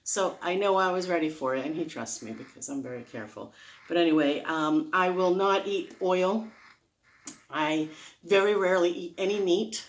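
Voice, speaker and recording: This diet-advice vlogger has a lowish voice and talks at normal speed. Off the cuff and casual, her explanatory monologue rambles into tangents as she earnestly, emphatically lays out her advice.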